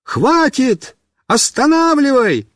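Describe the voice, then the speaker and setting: A man voicing a frightened young boy who yells in alarm while he is stuck riding in circles in a storybook reading. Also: very high-pitched, drawn-out words, dry recording, studio quality, voice pushed up, heavily acted. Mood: panicked, yelling. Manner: yelling in alarm. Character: panicked young boy stuck on a runaway bike.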